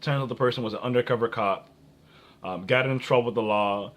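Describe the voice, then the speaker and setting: A young American man talks off the cuff, handing out advice and personal stories. His delivery is halting and rambling, with phrases broken off and started again. His pitch sits in a middle range for a man. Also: fairly bright tone. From Minnesota, United States. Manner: halting, often breaks off and repeats phrases. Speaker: dating advice vlogger.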